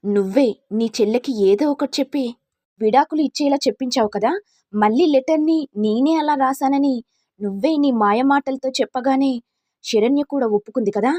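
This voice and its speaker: A woman voicing a furious, vengeful middle-aged mother-in-law who shouts accusations. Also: on the high side, normal speed, dry recording, lightly acted.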